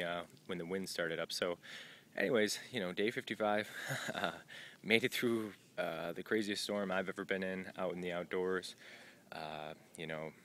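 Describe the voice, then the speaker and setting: Deep-voiced man vlogging on the trail. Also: pushed and bright, a little hiss or hum. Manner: rambling and informal, with many "uh" and "um" fillers. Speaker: thru-hiker vlogging his trail day. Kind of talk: casual outdoor vlog. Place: outdoors at a trail shelter in the woods.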